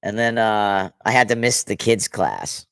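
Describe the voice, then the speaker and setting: On a casual podcast chat, a middle-aged male co-host rambles and restarts his sentences, his throat scratchy from being sick. His voice sits on the low side and is gravelly yet smooth, a bit bright and expressive, at a measured pace with no echo.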